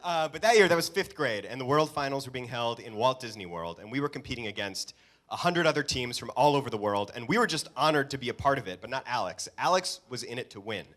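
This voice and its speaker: A man's voice: medium pitch, animated, fast talker, fairly bright tone. Young man making a wry wedding toast. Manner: joking, wry asides, chuckles between lines. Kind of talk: wedding toast, joking speech. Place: live speech at a wedding reception.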